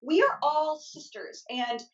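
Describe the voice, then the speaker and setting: A woman co-hosting a casual chat show, animated and fiery in her opinions. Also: sits high, slow pace, recorded from a distance, dull audio. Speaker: co-host. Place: in the United States.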